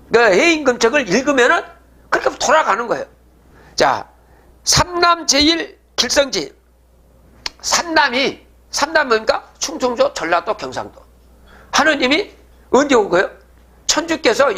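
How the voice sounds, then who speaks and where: A man's voice: extremely high pitch, pushed and bright. A man giving a religious prophecy lecture, asking rhetorical questions and answering them himself, and checking in with the audience.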